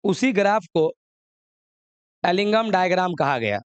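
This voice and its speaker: A man's voice: sits high, lively intonation, measured pace, clear, resonant tone, no echo. A man teaching a chemistry class, coaxing and scolding students while mixing with English. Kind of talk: classroom lesson.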